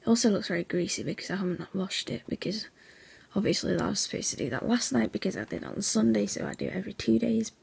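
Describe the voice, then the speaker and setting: Hoarse, half-whispering young woman. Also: mid-range voice, expressive, quick pace, darkish tone. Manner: rambling, chatty, with many fillers. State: hoarse, voice nearly gone; sleepy, yawning. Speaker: vlogger. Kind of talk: casual vlog chat.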